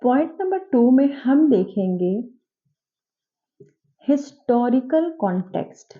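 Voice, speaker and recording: High-voiced woman teaching, muffled sound. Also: lively intonation, takes it slowly. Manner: explains step by step with rhetorical questions. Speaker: exam prep teacher. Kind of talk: online lecture.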